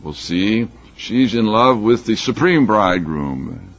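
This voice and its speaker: A man's voice: fairly low pitch, expressive, slow, slightly rough. A man giving a sermon, explaining scripture and reading passages aloud with rising emphasis. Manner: emphatic, reads scripture aloud with rising force, fillers and restarts. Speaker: preacher. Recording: dull lo-fi recording.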